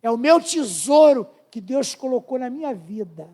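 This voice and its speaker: A man's voice: very high voice, expressive, moderate pace, dark tone. A man in his fifties with a Brazilian Portuguese accent, preaching a fervent testimony to a congregation. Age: 50s. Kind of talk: sermon testimony.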